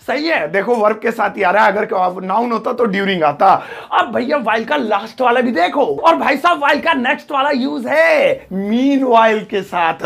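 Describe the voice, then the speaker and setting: A man from India teaching English grammar in a casual, chatty lesson, calling his students brother and slowing down to spell out each English example sentence. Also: high-pitched, gravelly, fairly bright tone. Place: studio.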